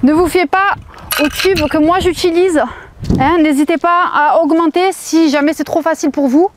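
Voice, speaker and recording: A woman's voice: very high voice, fairly even intonation, moderate pace, background noise. A woman leading a workout as fitness instructor, counting reps and urging people on with short, encouraging commands.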